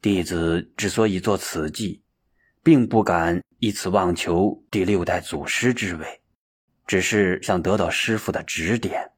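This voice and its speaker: A man's voice: low-pitched, breathy edge, voice pushed down. A man doing a humble, earnest senior monk. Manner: earnest, respectful.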